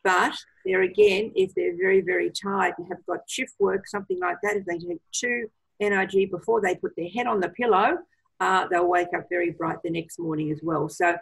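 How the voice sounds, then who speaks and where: Gravelly husky woman on a video call. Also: medium pitch, expressive, moderate pace, low-quality recording. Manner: enthusiastic, gives advice with many fillers. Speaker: product trainer. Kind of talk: casual presentation on a video call.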